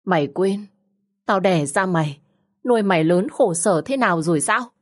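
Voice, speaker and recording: A woman's voice: fairly low pitch, lively intonation, moderate pace. A woman voicing a middle-aged stepmother who cries and pleads with reproachful accusations. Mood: wailing.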